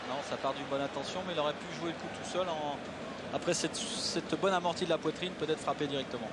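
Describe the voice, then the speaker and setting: Guy analysing football replays, bit high voice, stumbles and repeats words, loud stadium behind. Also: fairly even intonation, quick pace. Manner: hesitant, repeats words while explaining replays. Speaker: football co-commentator. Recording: very noisy stadium broadcast. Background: loud stadium ambience.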